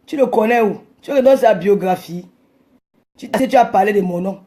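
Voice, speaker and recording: A woman hosting a live stream, ranting and scolding her rivals combatively, sometimes shouting. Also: medium pitch, normal speed.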